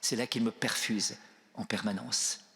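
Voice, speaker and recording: A priest giving a spiritual talk, telling stories and asking rhetorical questions, with frequent restarts. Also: male voice, fairly low pitch, steady tone, measured pace, gravelly, bright, forceful tone. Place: large basilica. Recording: long basilica reverb.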